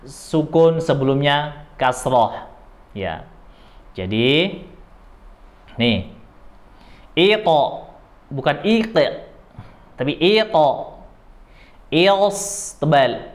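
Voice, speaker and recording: A man gives a recitation lesson, sounding out Arabic syllables again and again before he explains them. He talks slowly and patiently in a somewhat high voice, and keeps every step of the instruction plain and repetitive. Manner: demonstrates sounds with drawn-out repeated syllables, then explains in short phrases. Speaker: Quran recitation teacher. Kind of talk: lesson on Arabic letter pronunciation.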